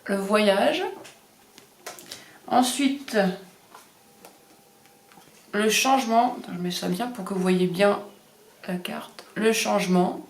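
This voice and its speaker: A woman's voice: mid-range voice, slow pace, pauses often. Hesitant woman giving a casual card reading, echoey room. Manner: hesitant, many fillers, repeats card words. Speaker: card reader doing animal readings.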